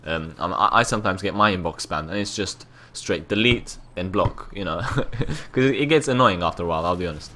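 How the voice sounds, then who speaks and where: A man's voice: low voice, expressive, a little fast, few pauses, pushed and bright, slight background noise. A young man from London with a London accent, giving casual gameplay commentary, rambling and repeating himself with the odd swear word. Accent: London English.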